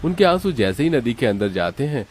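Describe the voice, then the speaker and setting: A man narrating a cartoon story in a steady, explanatory storytelling manner. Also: mid-range voice, fairly quick.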